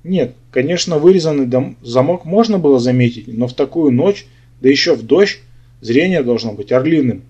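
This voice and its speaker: A man's voice: mid-range voice, expressive, normal speed, dark tone, husky. A man narrating a humorous fantasy audiobook in the first person with a wry, sardonic delivery, in a dull lo-fi recording.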